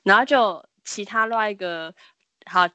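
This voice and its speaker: A woman co-hosting a podcast, telling a story in casual chat and acting out the people in it with sudden loud cries. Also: medium pitch, moderate pace, smooth, dry recording. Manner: animated storyteller, acts out the people she quotes with sudden shrieks.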